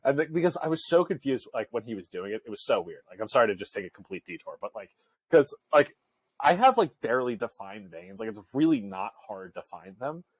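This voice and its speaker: A man's voice: on the low side, big pitch swings, brisk, no echo. A young man co-hosting a podcast, telling a rambling story full of fillers and asides in casual chat. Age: young adult. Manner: rambling, filler-heavy storytelling with frequent laughs. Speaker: podcast co-host.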